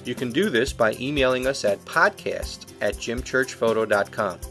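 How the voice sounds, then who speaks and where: A man's voice: medium pitch, lively intonation, moderate pace, a bit bright, faint music behind. A man co-hosting a podcast, reading a prepared script in an explanatory way. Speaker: podcast co-host.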